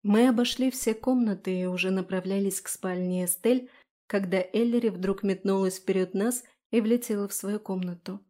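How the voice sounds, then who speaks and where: A woman narrating a fantasy audiobook in an even storytelling manner. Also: mid-range voice, normal speed.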